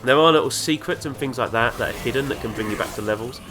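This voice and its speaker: A man with a congested, nasal voice from the flu talks in a relaxed, rambling way while he plays. He sounds enthusiastic at a medium pitch, with clear game music running beneath his commentary. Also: fast. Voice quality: nasal from a cold. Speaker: gaming video host. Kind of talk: let's play commentary. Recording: game music playing underneath.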